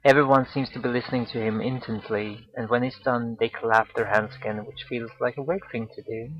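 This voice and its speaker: A man narrating a visual novel aloud in the first person, low-key and wry. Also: steady tone, fairly quick, lo-fi sound.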